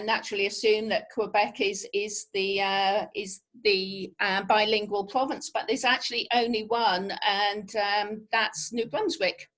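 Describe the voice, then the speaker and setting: A woman's voice: mid-range voice, fairly bright tone, rough recording. Chatty middle-aged woman with a Norfolk accent. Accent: Norfolk English. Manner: chatty, conversational asides to listeners. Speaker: travel specialist presenting a webinar. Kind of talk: informal slide presentation.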